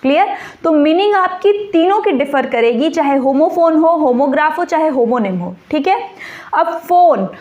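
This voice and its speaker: Female exam-prep tutor, high voice, drills points by asking and answering her own questions. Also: expressive, normal speed, darkish tone, muffled recording. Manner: repeats key points as quiz questions to the viewer; mixes English terms into Hindi explanations. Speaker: teacher. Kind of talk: exam-prep grammar lesson.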